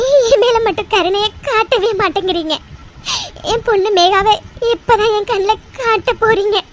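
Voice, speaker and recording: A woman's voice: very high voice, animated, brisk, a bit bright, poor audio. A woman voicing an anxious, tearful mother of three in a cartoon, with an emotional, pleading delivery. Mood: weeping. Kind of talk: cartoon dubbing. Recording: faint background noise.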